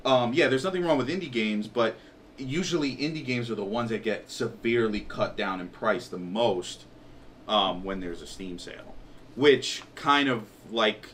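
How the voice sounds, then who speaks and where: Man, bright forceful voice, gaming podcast co-host, rambling explanations, faint noise. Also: fairly low pitch, normal speed. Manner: rambling, hesitant explanations with restarts. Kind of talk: casual gaming podcast chat.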